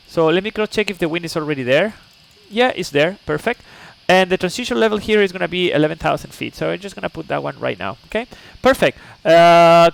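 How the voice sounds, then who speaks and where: On a live flight sim stream, a Chilean man speaks English in a high, gravelly voice with a fairly bright tone, though the audio is poor. He patiently walks through each step, asks "okay?" to check in, and tosses chatty asides to his viewers.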